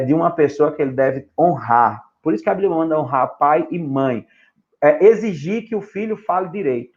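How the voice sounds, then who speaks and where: A middle-aged man preaching as a pastor, emphatic, firing rhetorical questions and acting out children and parents in quick asides. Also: fairly high pitch, darkish tone, dull audio. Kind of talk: pastoral teaching in a live stream.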